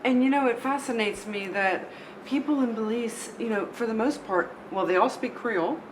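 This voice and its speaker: A middle-aged woman from North America, a native Spanish speaker fluent in English, hosts casually, telling expressive anecdotes and addressing listeners. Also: on the high side, moderate pace. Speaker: radio show host. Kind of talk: casual chatty interview. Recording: light background room noise.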